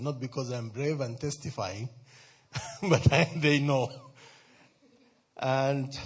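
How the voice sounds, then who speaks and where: A Sudanese man speaks informally to a church group in a mid-range, slightly rough voice. He keeps it conversational, putting questions to his listeners and laughing often.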